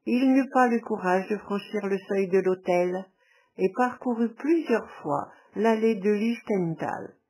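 A woman reading a classic novel aloud as audiobook narration, measured and even. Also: mid-range voice, slightly rough, rough recording. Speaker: audiobook reader.

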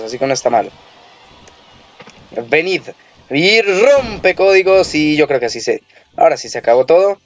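A young man commenting on a wrestling video game, excitable and profane, yelling at the action. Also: on the high side, a little hiss or hum. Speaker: gameplay commentator. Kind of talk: casual gameplay commentary. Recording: lo-fi muffled recording.

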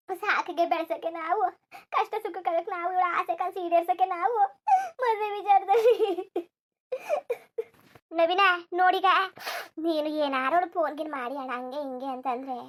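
A woman voicing a grieving, bitter middle-aged village mother in a cartoon, lamenting and scolding between sobs. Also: very high-pitched. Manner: lamenting, scolding, sobbing in bursts. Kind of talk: cartoon dubbing.

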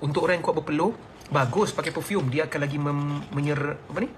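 A man's voice: a little high, fairly even intonation, fast, background noise. A man from Malaysia with a Malaysian Malay accent, chatting in a playful, exaggerated comic way and laughing often as he promotes a product. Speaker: celebrity endorser. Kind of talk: comedic sponsored chat.

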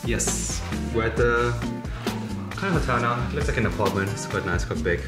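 A man chatting casually while filming a travel vlog, relaxed and laughing often. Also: medium pitch, normal speed, loud music behind the voice. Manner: laid-back, laughs often. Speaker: vlogger.

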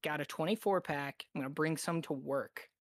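Low-voiced woman, relaxed and hesitant. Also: moderate pace, no echo. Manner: relaxed, hesitant with many fillers. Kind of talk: casual chat.

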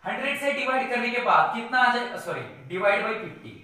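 A man teaching a math lesson, talking slowly and repeating words as he writes on the board. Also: very high voice, animated, bright, forceful tone. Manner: slow, repeats words while writing, keeps saying "student". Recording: echoey room.

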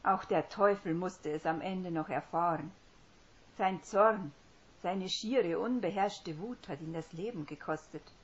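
A woman voicing an earnest, tearful young witch who speaks in an urgent, hushed and choked way. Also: on the low side, fairly even intonation, moderate pace, voice pushed up, natural voice. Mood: firm, fervent. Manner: earnest, by turns hushed and fervent. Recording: dull lo-fi recording.

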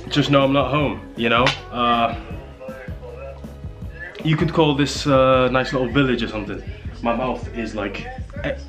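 A young man, rambling casually with slang and fillers in a small hotel room, filming on a handheld camera. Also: mid-range voice. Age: young adult. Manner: laid-back slangy rambling with repeated fillers. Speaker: vlogger. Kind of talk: casual vlog. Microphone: handheld camera at arm's length.

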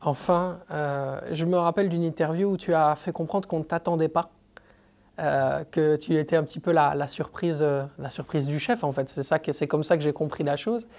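A man's voice: fairly high pitch, normal speed, gravelly, darkish tone. A man interviewing a footballer, asking long, meandering questions full of fillers.

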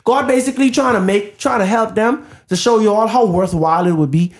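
A man co-hosting a casual Bible discussion podcast, talking in an animated, loose way and calling his co-host bro all the time. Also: high voice, brisk, gravelly, reverberant.

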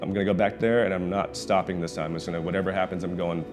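Racing along in a deep voice with a steady tone, a middle-aged man talks over music. He is a professional skater from Oklahoma City, USA, whose first language was Vietnamese, and in a casual interview at his restaurant he spins his skating story loosely, heavy on "like" and profanity.

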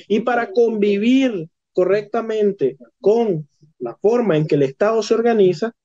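Young guy analyst on a video call, high mellow voice, dry and lo-fi. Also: no room sound. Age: young adult. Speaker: political analyst.

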